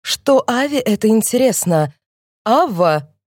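A woman narrating a novel plays a frosty, brittle matron who speaks in clipped, deliberate words. Her voice is shrill and firm, drawn out and pressed. The sound is close and dry, with a husky undertone. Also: big pitch swings, darkish tone, no echo, heavily acted. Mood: curt. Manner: curt, firm, emphatic. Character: stiff, cold middle-aged woman, shrill and brittle.

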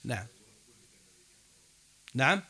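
A man's voice: very slow, sharp tone. A man teaching a class with an Algerian Arabic accent. He mixes dialect with classical Arabic and keeps asking his students questions as he explains. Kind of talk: classroom lecture.

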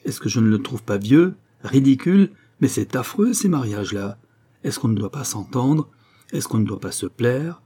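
A man's voice: medium pitch, animated, normal speed, mellow, husky. A man reading a storybook, voicing a passionate, headstrong young woman in love, pleading and exclamatory. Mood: indignant.

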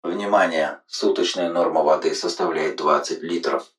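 A booming metallic robot voice, as a male narrator puts it on, deep and rumbling, making flat, formal announcements. It rings out from a distance in a roomy, echoing space, like a machine speaking over the shower. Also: normal speed. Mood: announcing. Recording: roomy echo, voice set far from mic.

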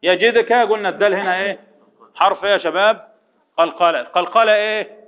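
A man with an Egyptian accent teaching Quran recitation rules to a class, firing quick repeated questions at students and chanting verses slowly. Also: high voice, fairly even intonation. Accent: Egyptian Arabic. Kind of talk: classroom tajweed lesson. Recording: echoey hall, dull lo-fi sound.

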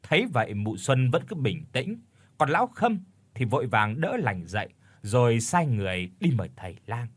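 A man narrating a ghost story in a dramatic, expressive way. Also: mid-range voice, normal speed, slightly rough, dry recording.

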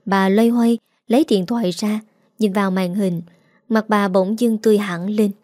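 Brief: woman storyteller, steady even read, dry close recording. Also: medium pitch, moderate pace, dry recording. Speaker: narrator. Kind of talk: storybook narration.

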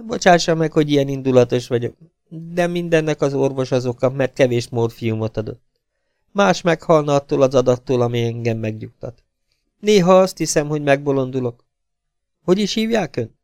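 A man reading an audiobook voices a middle-aged actress dependent on morphine, talking erratically and swinging between sharp outbursts and hushed murmurs. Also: mid-range voice, smooth, no room sound, studio quality, pitched above the performer's own voice, lightly acted. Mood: feverish.

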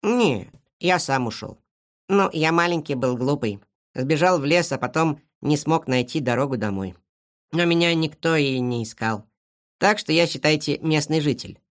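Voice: mid-range voice, expressive, normal speed, lightly acted. Shy, modest young hedgehog lad, plain and simple speech, read by a storyteller.

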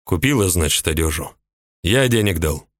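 A man voicing a calm soldier captain who answers a scolding in a patient, placating way in an audiobook. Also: low voice, normal speed, dry recording, clean studio sound.

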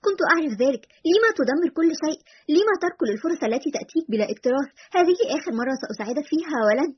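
A woman's voice: high voice, animated, very fast, husky, lo-fi sound. A woman voicing a man in a story who is an exasperated, loyal friend and talks in an insistent, scolding way.

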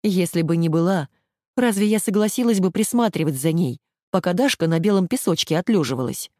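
A woman voicing an emotional, sharp-tongued young woman who speaks in an agitated, reproachful way. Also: fairly low pitch, animated, fairly quick, dry recording, clean studio sound.

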